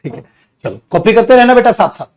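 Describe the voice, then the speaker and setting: High-voiced teacher asking rhetorical questions. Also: male voice, very animated, fast, darkish tone. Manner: explains with rhetorical questions and repeated example sentences; addresses students affectionately as beta. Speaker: English teacher. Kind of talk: live online grammar class.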